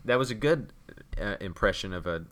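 A man's voice: on the low side, animated, brisk, a bit bright. A man co-hosting a podcast in casual comedic chat, joking and opinionated, with long rambling asides. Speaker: podcast co-host.

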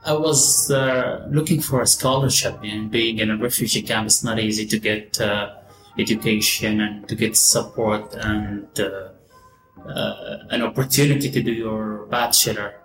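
A man's voice: on the low side, steady tone, a little slow. Palestinian-accented man in a roomy, echoing interview. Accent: Palestinian Arabic. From Gaza, Palestine. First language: Arabic. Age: 40s. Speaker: interview guest, real estate executive. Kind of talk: personal storytelling in an interview. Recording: roomy echo, guitar music behind.

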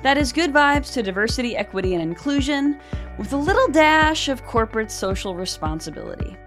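A woman's voice: high voice, expressive, fairly quick, fairly bright tone, faint music behind. A woman hosting her weekly podcast, reading an upbeat intro and interviewing a guest. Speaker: podcast host.

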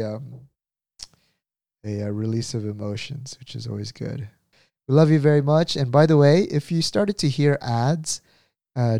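A young man hosting a casual podcast chat, talkative and quick to laugh. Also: medium pitch, gravelly, warm tone, no room sound, studio quality. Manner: chatty, laughs often, mimics voices. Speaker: podcast host.

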